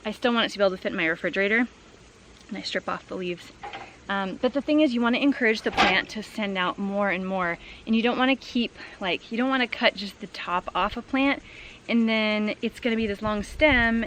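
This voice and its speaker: A woman's voice: mid-range voice, a little fast, a bit bright, a little hiss or hum. A woman flower farmer chatting casually to the camera while she harvests outdoors, upbeat and full of "like" and "um". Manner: chatty and upbeat, lots of fillers like "like" and "um". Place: outdoors in a flower field on a farm. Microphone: camera set low on the ground.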